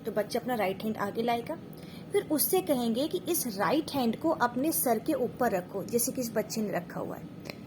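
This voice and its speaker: A woman and mother teaching in an instructional lesson, patiently explaining step by step, slowly sounding out syllables and often checking in with her listeners. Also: on the high side, expressive, noisy background.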